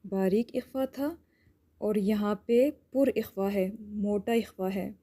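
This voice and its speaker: A woman teaching Quran recitation rules. She explains each rule patiently and step by step, often checks in with "theek hai?", and stretches out words slowly to demonstrate. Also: medium pitch, mellow. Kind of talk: tajweed lesson with slow drawn-out demonstrations.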